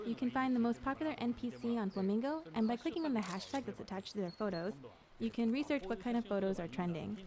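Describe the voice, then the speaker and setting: A woman speaking an English dub of a game director's commentary, casually walking viewers through a video game. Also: fairly high pitch.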